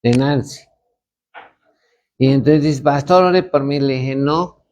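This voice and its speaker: A man's voice: medium pitch, slow, a little mellow. A man, a pastor, teaching other pastors in a conversational way and retelling stories with quoted dialogue. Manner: gravelly, anecdotal, retells dialogue.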